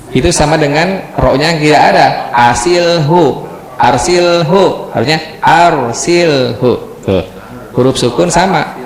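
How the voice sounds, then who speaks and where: A man teaching Quran recitation rules in a mosque class, explaining patiently and chanting example verses slowly. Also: medium pitch. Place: mosque hall. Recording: echoey hall, crowd behind.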